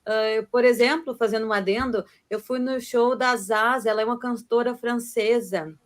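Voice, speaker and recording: A woman's voice: a little high, fairly even intonation, normal speed. A young woman co-hosting a live stream, chatting casually, agreeing with her partner and adding her own story. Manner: warm, agreeing, telling a personal anecdote. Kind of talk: casual chat.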